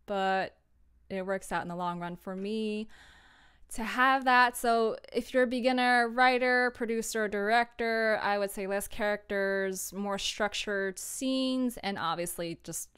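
A young adult woman with a medium-pitched, slightly bright, clean-toned voice chats casually on a livestream from a small room at home. A streamer and audio drama creator, she hands out tips in an informal, self-deprecating way, giggling as she goes.

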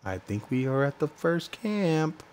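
Talking through his game, a man from the United States offers casual commentary in brief, slangy asides as he thinks aloud. His voice runs on the high side with big pitch swings, unhurried and a bit mellow.

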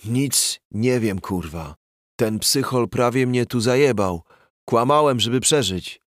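A man voicing a terrified, beaten male street informant who yells and swears in panic. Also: medium pitch, lively intonation, slow, no room sound, clean studio sound, pitched above the performer's own voice. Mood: sullen.

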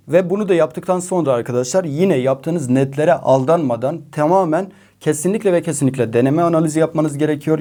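Brief: male math tutor, rapid, insistent delivery, regional dialect, dark mellow tone, coaching students for an exam. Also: mid-range voice. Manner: emphatic, repeats key advice. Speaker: math teacher. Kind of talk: exam-prep advice to students.

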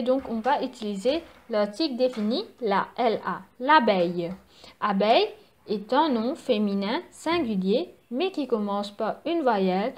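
A woman teacher giving a recorded grammar lesson for children, patiently spelling out letters and repeating each rule. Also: fairly high pitch. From Mauritius.

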